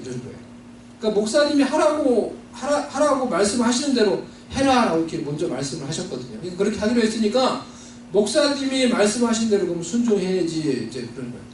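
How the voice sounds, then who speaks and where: Male preacher from Seoul, earnest testimony; distant mic in a roomy hall, faint background hum. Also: high voice. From Seoul, South Korea. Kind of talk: sermon testimony.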